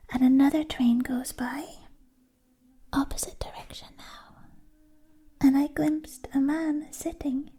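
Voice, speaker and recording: A woman whispering a poetic ASMR monologue right in the listener's ear on a close binaural mic, in breathy, deliberate, lyrical phrases with long pauses. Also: high voice, dark tone. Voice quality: breathy, mostly unvoiced whisper. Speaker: ASMR performer. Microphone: close binaural ASMR microphone.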